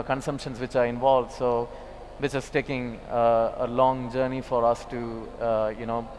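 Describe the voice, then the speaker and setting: A man's voice: medium pitch, slight background noise. A man from Kerala speaking as a panelist at a panel discussion, hesitant with many fillers. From Kerala, India. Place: large expo hall. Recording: hall reverb, faint ambience.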